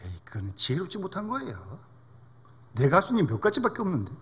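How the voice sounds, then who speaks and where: A man's voice: high-pitched, huge pitch swings, fast, breathy edge. A male pastor preaching a sermon in a conversational way, often asking the congregation questions. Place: church sanctuary. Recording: reverberant church hall.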